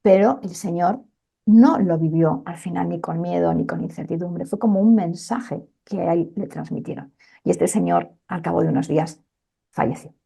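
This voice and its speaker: A woman's voice: on the low side, normal speed, vocal fry, dark tone, slightly rough. A woman doctor telling a personal story in an interview, in a conversational way with many fillers.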